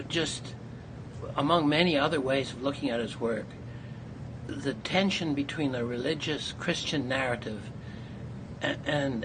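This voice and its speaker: A man hosting an interview speaks in an effusive yet halting way, filling pauses with ums and restarts. His pitch is ordinary for a man. Clear background ambience and noise sit behind his voice. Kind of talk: conversational interview.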